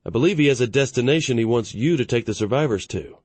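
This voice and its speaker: A man's voice: mid-range voice, expressive, fast, darkish tone, no room sound, natural voice. A man voicing a stressed fleet officer. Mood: urgent. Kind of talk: audiobook narration.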